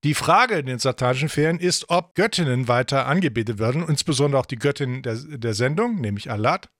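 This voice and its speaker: A man's voice: mid-range voice, lively intonation, fairly quick, a bit bright, no echo, clean studio sound. A man hosting a talk show, explaining a book in a joking, rambling way with many self-corrections. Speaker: host. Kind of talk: casual talk show discussion.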